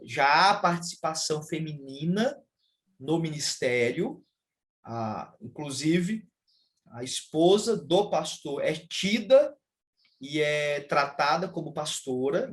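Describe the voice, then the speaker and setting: Pastor brasileiro explicando com calma. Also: male voice, on the high side. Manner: measured, explanatory, with frequent "ah" fillers. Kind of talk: casual theological conversation.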